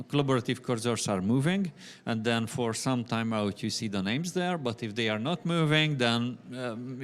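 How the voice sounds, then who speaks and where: A man from Hungary with a Hungarian accent, giving a technical conference presentation in a halting way, often pausing mid-sentence. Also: mid-range voice, clear, resonant tone. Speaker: conference speaker.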